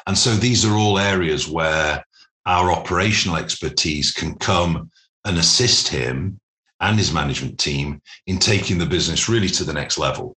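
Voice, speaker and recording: Speaking in a low voice with a sharp tone, a man joins a business interview as an executive guest. His explanations come in measured, articulate corporate language.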